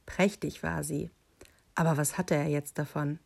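A woman reading a children's picture book aloud, with calm, deliberate storytelling. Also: sits low, vocal fry, breathy edge.

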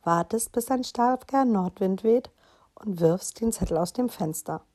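A woman reading aloud and voicing a cheerful mother giving brisk, simple advice. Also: mid-range voice, a little mellow, pitched above the performer's own voice, natural voice. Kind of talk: read-aloud storybook voice.

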